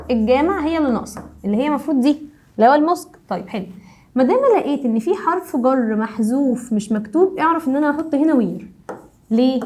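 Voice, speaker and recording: Fast-talking Egyptian woman teacher, slightly high and mellow, drilling grammar with rhetorical questions. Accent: Egyptian Arabic. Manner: brisk, keeps asking rhetorical questions. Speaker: English teacher. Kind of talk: grammar lesson for middle schoolers.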